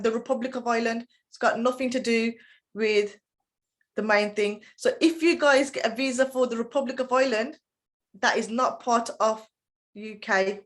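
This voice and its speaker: A woman leading an online training session, explaining things in a chatty way and checking in with the listeners. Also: on the high side. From United Kingdom. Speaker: intercultural trainer.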